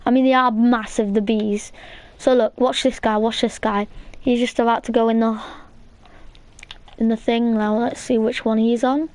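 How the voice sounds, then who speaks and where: A woman's voice: on the high side, little pitch movement, normal speed, a little mellow. A woman hosting a casual gameplay tutorial, chatty and rambling, with plenty of fillers. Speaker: gaming channel host.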